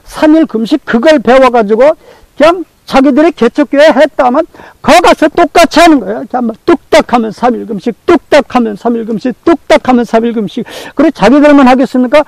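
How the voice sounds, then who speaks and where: A male pastor preaching a sermon, repeating phrases for emphasis and telling stories in a lively, colloquial way. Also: very high-pitched, fairly quick, creaky, no echo, low-quality recording. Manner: colloquial, animated storytelling with acted-out quotes.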